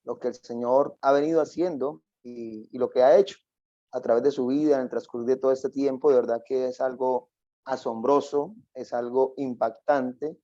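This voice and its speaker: Mellow-voiced co-host, grateful and reflective. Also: male voice, medium pitch, fairly even intonation, moderate pace, no room sound. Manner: grateful, reflective, repeats himself. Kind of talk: closing comments on a talk show. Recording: dull, lo-fi, dry sound.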